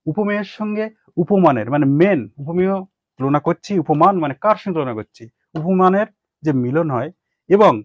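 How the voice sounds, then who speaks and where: A man with a Bengali accent gives a grammar lesson in a fairly high voice. He repeats each term, poses questions and answers them himself. The recording is dry and somewhat muffled. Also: dry recording. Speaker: grammar teacher.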